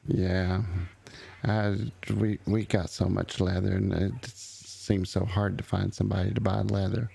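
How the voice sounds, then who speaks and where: A man in character in a roleplay game, talking slowly and haltingly with many ums. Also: deep voice, flat delivery, gravelly, warm tone, breathy edge. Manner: halting, full of uh and um. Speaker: roleplay streamer playing an old relative.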